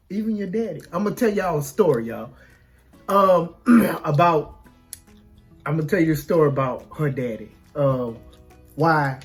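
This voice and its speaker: A woman chatting casually as a vlog co-host, folksy and repeating phrases for emphasis. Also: sits low. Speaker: co-host of a couple's mukbang vlog. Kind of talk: casual chat.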